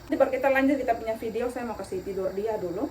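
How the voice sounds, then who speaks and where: A woman's voice: on the high side, rapid-fire, a little hiss or hum. A woman, vlogging casually at home and cooing to her baby between remarks to viewers. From Indonesia. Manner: chatty, coos softly to her baby, sometimes drops to a hush.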